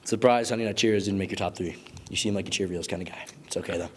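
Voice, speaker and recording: A man's voice: deep voice, fairly even intonation, fast talker, noisy background. A young man doing casual, joking street interviews as a student reporter, slangy and upbeat.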